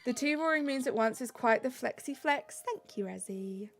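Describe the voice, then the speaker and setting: Light music runs under a British woman's game stream as she chats casually and reads her viewers' messages out with bubbly energy. Her voice is on the high side, with lively intonation and normal speed.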